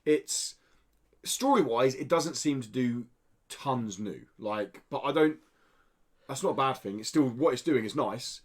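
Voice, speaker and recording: Speaking in an unhurried, mid-range voice, a man co-hosts a podcast where he reviews indie games. His spoken review comes across as casual and enthusiastic, part of an easygoing conversation.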